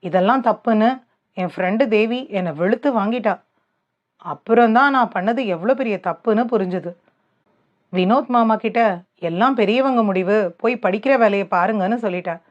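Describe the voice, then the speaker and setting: An earnest young woman, quick to tears and defensive in her plain everyday talk, as a woman narrator puts her on. She sounds like a storybook character, middle-pitched. The recording is a little muffled. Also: lightly acted. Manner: pleading, defensive colloquial speech.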